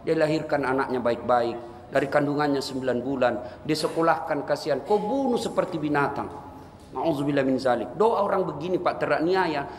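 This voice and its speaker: A man's voice: on the high side, a little fast. A male preacher giving a humorous sermon, telling stories animatedly and shifting into solemn warnings. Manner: animated storytelling, swings between jokes and solemn warning. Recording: reverberant hall with faint noise.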